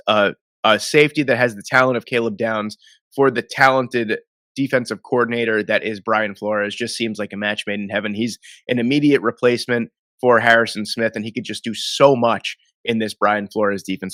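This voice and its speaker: A man with a lowish, slightly bright voice hosts casual football draft commentary, sounding nasal and sniffly from a cold. He rambles conversationally and corrects himself, and the recording has no echo.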